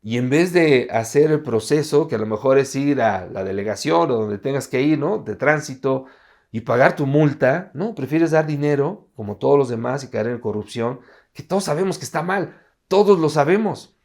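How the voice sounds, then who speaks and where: A man's voice: medium pitch, animated, moderate pace, creaky, darkish tone. A man preaching a sermon at an online Sunday service. He talks in a conversational way and keeps asking his listeners rhetorical questions.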